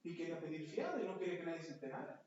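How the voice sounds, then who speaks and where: A man's voice: a little high, big pitch swings, very fast, darkish tone, slight background noise. A middle-aged man, preaching a sermon and telling stories by acting out little scenes. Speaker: pastor. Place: church hall. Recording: echoey church hall, far from mic, dull.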